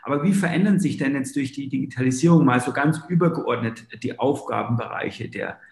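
A man co-hosting a podcast who asks long, halting questions with many restarts. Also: mid-range voice, vocal fry, a little mellow. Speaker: podcast co-host. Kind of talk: conversational interviewing. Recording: roomy echo.

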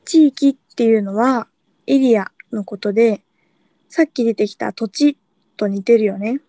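A woman with a fairly high yet mellow voice co-hosts a casual podcast. She reads out questions and explains words at an easy pace. The recording is dry and close. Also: a little slow, no room sound. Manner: relaxed, reads out questions and prompts her partner. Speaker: podcast co-host.

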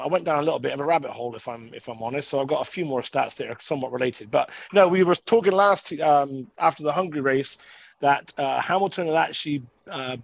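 A man's voice: medium pitch, gravelly, dull audio. A man co-hosting a sports show, talking through statistics in a casual, chatty way. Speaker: co-host presenting stats.

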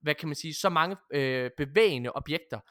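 A man in casual gaming chat with friends, excitable and full of fillers and restarts. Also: on the high side, a loud crowd.

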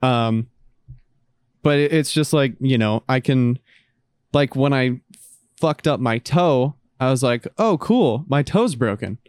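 A man's voice: medium pitch, steady tone, slow, pauses often, smooth, dry recording, clean studio sound. A young man co-hosting a podcast, talking in a laid-back, rambling way with lots of fillers. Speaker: podcast co-host. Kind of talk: casual chat.

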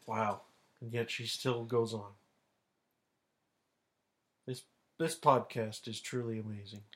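A man's voice: on the low side, steady tone, slow, a bit bright. A man in his twenties co-hosting a podcast, making dry, teasing quips in casual chat. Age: 20s. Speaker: podcast co-host.

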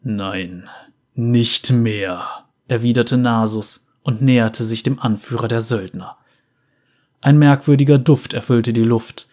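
A male narrator reads a dark fantasy tale in a measured, mid-pitched voice, giving it a dramatic storytelling delivery.

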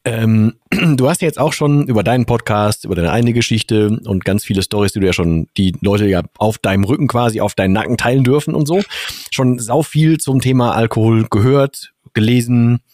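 A man's voice: medium pitch, brisk, a little mellow, dry recording. Man with dry, close voice. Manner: rambling, searching questions with restarts. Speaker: podcast interviewer. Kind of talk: casual conversational interview.

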